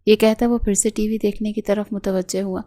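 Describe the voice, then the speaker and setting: A woman reading a romance novel as a voice-over, in a steady, even storytelling manner. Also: mid-range voice. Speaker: narrator.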